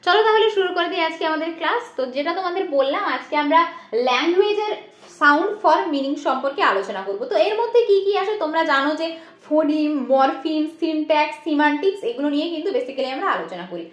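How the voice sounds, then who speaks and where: A woman's voice: high-pitched, animated, quick pace. A woman teaching an exam-prep lesson, explaining step by step and answering her own questions, often slipping in English terms. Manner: mixes in English terms and phrases. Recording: echoey room.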